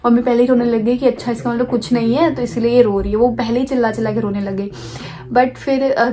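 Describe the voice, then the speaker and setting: A woman's voice: on the high side, dark tone. A young woman vlogger telling a personal story in a casual, rambling way, restarting sentences and mixing in English words. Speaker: lifestyle vlogger.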